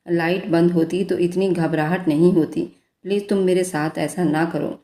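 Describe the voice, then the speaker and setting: A bashful young bride in a romance audio story, voiced by a woman narrator. She pleads softly in a low, dark-toned voice, and the recording has a roomy echo. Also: fairly even intonation, normal speed, lightly acted. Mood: pleading. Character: shy, timid young bride.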